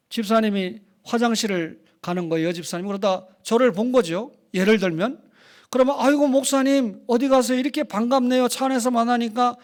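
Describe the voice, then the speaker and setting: A man's voice: sits high, clear, resonant tone. A male pastor giving a sermon in a conversational preaching manner, often asking the congregation questions. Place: church sanctuary.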